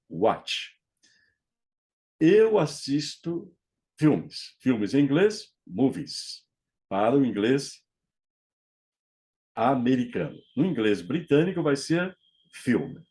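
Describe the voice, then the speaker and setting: A man teaching English grammar, modeling English phrases slowly and checking in with frequent "ok?". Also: mid-range voice, darkish tone. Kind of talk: explaining English grammar to Portuguese speakers.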